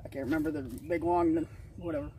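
An American man talks casually to his viewers in a folksy, slangy way. His voice sits a little high for a man. Faint outdoor noise sits behind his plain-spoken explanations. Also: steady tone, a little fast, warm tone. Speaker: vlog host and ham radio hobbyist.

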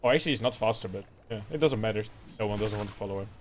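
A man with a Dutch accent giving excitable play-by-play commentary on an esports match. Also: on the low side, very fast, a little hiss or hum. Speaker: esports caster.

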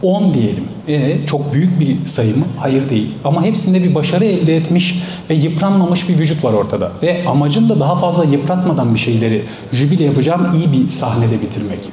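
A thirty-year-old man speaks fast and confidently into a handheld mic on a hall stage. His tone is dark and direct. The echoey room leaves a faint hiss behind him. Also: fairly high pitch, animated. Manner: direct, confident, a bit combative. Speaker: bodybuilder panelist answering fan questions. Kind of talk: live panel Q&A on stage. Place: large hall stage with live audience.

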